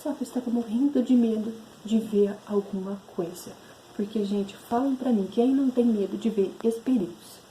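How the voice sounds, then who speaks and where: Woman, 30s, deep mellow tone, chatty rambling storyteller who corrects herself. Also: moderate pace, a little hiss or hum, rough recording. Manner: rambling, self-correcting, re-enacts inner voices. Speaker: spiritual channel host. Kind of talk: casual personal storytelling.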